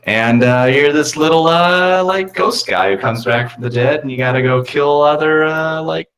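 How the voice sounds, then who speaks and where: A man's voice: a little high, normal speed, a bit bright, low-quality recording. A man co-hosting a gaming podcast, talking in an easygoing, rambling way. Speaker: podcast co-host. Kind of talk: casual gaming chat.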